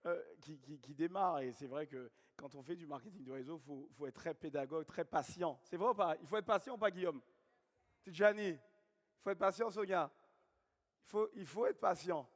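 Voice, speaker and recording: A man with a Guadeloupean accent giving a network marketing training seminar, repeating key points and questioning the audience. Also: a little high. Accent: Guadeloupean French. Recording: long hall reverb.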